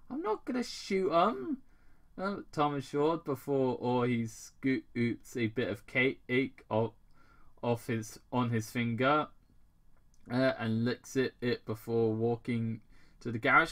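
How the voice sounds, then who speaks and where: A British amateur reader reads fan fiction aloud in a medium-pitched, bright, forceful voice. The delivery is halting, with stumbles over words and self-corrections, and the reader breaks off now and then to ad-lib.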